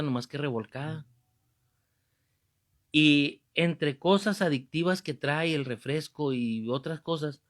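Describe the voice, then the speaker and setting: Animated preacher, fairly high voice. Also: male voice. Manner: animated, joking, rebuking. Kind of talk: sermon with comic storytelling.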